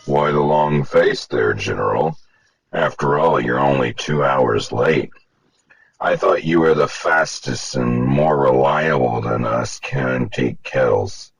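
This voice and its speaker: A gruff old steam locomotive with a booming grandfather voice. His tone sits extremely deep and grinds with gravel. He talks slow and heavy, full of regret. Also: faint music behind, exaggerated voice, low-quality recording. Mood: teasing. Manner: slow, weighty, rueful. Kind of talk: audiobook character voice.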